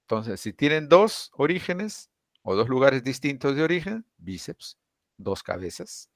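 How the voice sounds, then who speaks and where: A man teaching an introductory anatomy class, explaining step by step and often checking in with quick tag questions. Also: medium pitch, sing-song, no echo, clean studio sound. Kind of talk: lecture.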